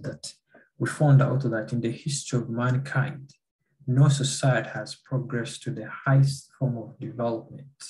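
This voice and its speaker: A young man hosting an online staff orientation over a video call, explaining in a measured way with frequent fillers and repeats. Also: mid-range voice, darkish tone, rough recording. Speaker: meeting host. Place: small indoor room.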